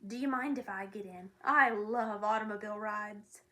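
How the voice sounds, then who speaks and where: A woman voicing a large, impatient watchdog with a ticking clock body, in a storybook reading, gruff and scolding. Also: mid-range voice, normal speed, bright, forceful tone, lightly acted. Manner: growling, barking, scolding.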